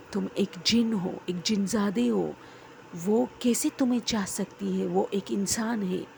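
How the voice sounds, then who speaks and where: A woman's voice: mid-range voice, gravelly, dark tone, a little hiss or hum. A woman voicing an obsessive, possessive young male jinn in a horror story, speaking intensely and threateningly.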